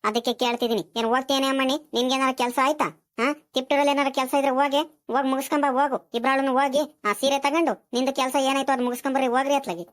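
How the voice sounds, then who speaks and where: A woman's voice: sits high, steady tone, lightly acted. Woman voicing a chatty village grandmother. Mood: coaxing. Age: older. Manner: chatty, coaxing, drawn-out fillers. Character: elderly village grandmother, kindly and talkative. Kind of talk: cartoon voice acting.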